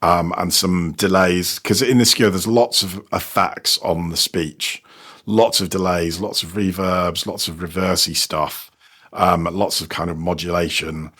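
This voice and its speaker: An unhurried man with a low-pitched, husky, a bit bright voice and fairly even intonation talks as an interview guest. As a sound designer and technical producer, he discusses audio production casually but hesitantly, often repeating words to find his phrasing.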